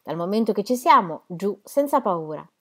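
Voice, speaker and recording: A woman's voice: mid-range voice, animated, normal speed, sharp tone. A woman doing a cocky taunting card player. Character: cocky male card player, mocking and stubborn.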